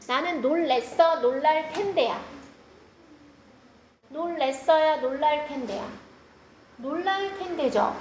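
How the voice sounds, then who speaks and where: A middle-aged woman teaching an English grammar lesson to a class. She explains step by step, tells the students to take notes and talks to them along the way. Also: high-pitched. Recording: echoey classroom recorded from a distance with background noise.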